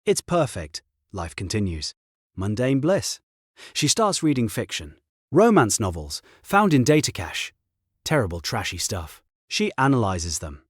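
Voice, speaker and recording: A man narrating a story in short, clipped, terse sentences with a husky voice. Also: on the low side, big pitch swings, a little slow, dry recording, clean studio sound.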